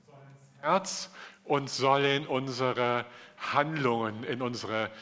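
A man's voice: medium pitch, slow pace, sharp tone. A middle-aged man preaching a sermon at a church service into a microphone, earnestly asking his listeners direct questions. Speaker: pastor. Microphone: handheld microphone.

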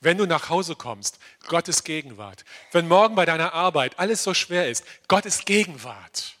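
An animated older man preaching to a church congregation, his voice high and bright as he swings from loud, emphatic declarations down to quiet asides. He keeps turning to his listeners with direct questions and slows right down on the phrases he wants to land. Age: around 60. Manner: animated, addresses listeners directly with frequent "verstehst du?". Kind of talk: lively sermon.

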